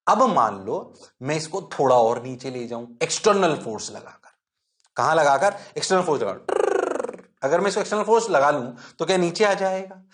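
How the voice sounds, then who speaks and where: A man teaching physics in a lively, jokey way, constantly checking that the class is following and sometimes answering his own questions in a low student voice. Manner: jokey and self-mocking. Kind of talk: online exam-prep lecture.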